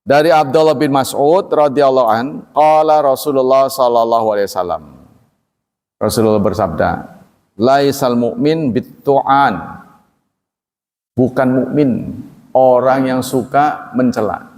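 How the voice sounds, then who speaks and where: A man's voice: mid-range voice, moderate pace, a little mellow, big-room sound. A man teaching at a religious study gathering, explaining Arabic terms in a loose, conversational way and asking the audience questions. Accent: Indonesian, from Banten region. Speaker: Islamic teacher.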